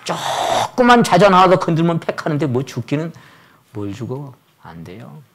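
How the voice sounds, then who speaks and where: A man's voice: fairly high pitch, moderate pace, a little hiss or hum. A man in his sixties preaching a Sunday sermon at a church service, telling stories and acting out the voices of the people in them. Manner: animated storytelling, acts out quoted voices. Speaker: pastor.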